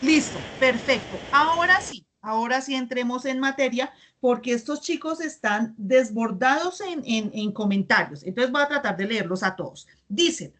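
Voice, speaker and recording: A woman teaches a class over a video call, her voice sitting a bit higher than most. She reads student comments aloud from the chat and keeps checking that everyone follows with quick tag questions. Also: lively intonation, fairly bright tone.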